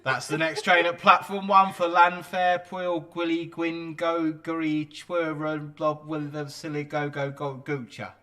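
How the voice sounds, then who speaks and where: A man's voice: a little high, little pitch movement, unhurried, few pauses, pushed and bright. A man reading out a mock train station announcement, stumbling playfully over long place names. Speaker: game streamer.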